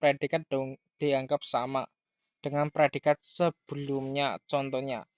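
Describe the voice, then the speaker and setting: A man giving a grammar lesson, who talks slowly, repeats key words and reads example sentences aloud. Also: mid-range voice, level tone, dry recording. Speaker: language teacher. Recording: dull lo-fi dry sound.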